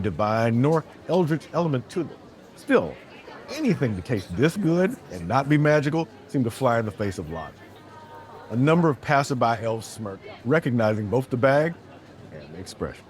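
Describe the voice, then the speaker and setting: A man narrating a fantasy story in a steady, descriptive way. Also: medium pitch.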